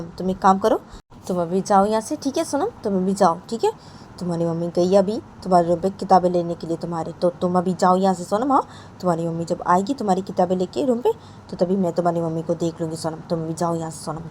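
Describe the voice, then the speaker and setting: A woman voicing a gentle partner who coaxes and calms the others in the family. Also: lowish voice, brisk, slight background noise, lightly acted, poor audio. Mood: coaxing. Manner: coaxing, soothing. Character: soft-spoken gentle partner, placating.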